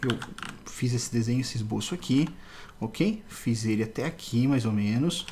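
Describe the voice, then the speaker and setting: A man's voice: medium pitch, normal speed, darkish tone, a little hiss or hum. Man teaching a drawing lesson. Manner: explains step by step, often checks in with the viewer. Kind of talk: casual drawing tutorial.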